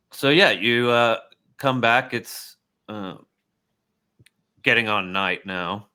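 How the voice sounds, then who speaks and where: A man's voice: deep voice, background noise. A man running a tabletop role-playing game as game master, narrating with many fillers. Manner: relaxed, filler-heavy narration.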